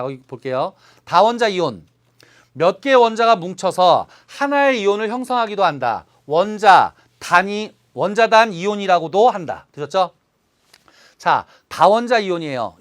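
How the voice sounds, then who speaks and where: A man teaching a chemistry lecture to students, often checking that they follow and stretching out key syllables for emphasis. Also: sits high. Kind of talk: online lecture.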